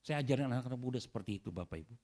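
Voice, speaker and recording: A man preaching a sermon as pastor, animated and often calling out to the congregation. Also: mid-range voice, rapid-fire. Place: church hall.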